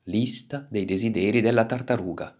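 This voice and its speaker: A man reading a children's storybook aloud with animated, expressive delivery. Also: fairly low pitch, moderate pace. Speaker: narrator.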